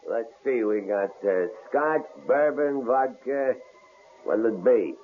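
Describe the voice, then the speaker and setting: An actor playing a menacing, sneering male stranger in an old radio drama, with a gravelly, mocking drawl. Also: medium pitch, expressive, takes it slowly. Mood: leering. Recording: tinny old radio broadcast, faint hiss.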